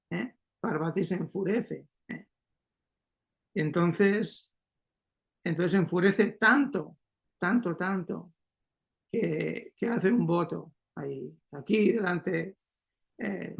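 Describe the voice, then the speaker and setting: A man's voice: high voice, vocal fry, breathy edge. A man, retelling a scripture story in a devotional class, tagging lines with "¿eh?" and correcting himself as he goes. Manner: lively retelling with frequent "¿eh?" tags and self-corrections. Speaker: devotional teacher.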